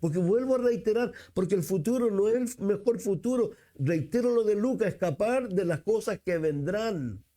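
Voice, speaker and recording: A man with a Chilean accent preaching a sermon as pastor, often repeating himself for emphasis, asking the congregation questions and rising in pitch when he quotes scripture. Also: lively intonation, moderate pace, hardly any pauses, dark tone. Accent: Chilean Spanish.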